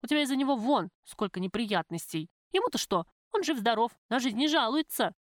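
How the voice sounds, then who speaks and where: Brief: woman reading as brassy streetwise friend, raised and loud, dry close audiobook read. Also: a little high, expressive, a little fast, dry recording, voice pushed up, natural voice. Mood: bossy. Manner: blunt, scolding, rough slang.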